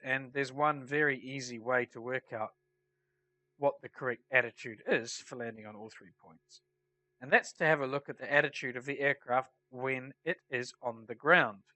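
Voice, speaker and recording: A man explains his flight sim play in a casual commentary style. His voice is bright and forward, with a clearly nasal, congested tone from a cold. The pitch sits in an ordinary middle range for a man. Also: no echo. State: blocked nose from a cold. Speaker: flight sim player narrating a tutorial.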